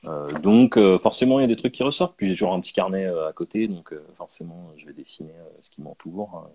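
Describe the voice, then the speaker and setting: A man born in Canada, answering interview questions about his comic art in a hesitant, relaxed way, with many fillers and restarts. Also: low voice, fast talker, husky. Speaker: guest comic artist.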